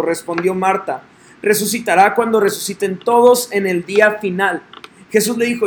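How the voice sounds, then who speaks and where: A man's voice: high-pitched, a little hiss or hum. A man reading scripture and preaching earnestly, asking listeners direct questions. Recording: echoey room with faint ambience.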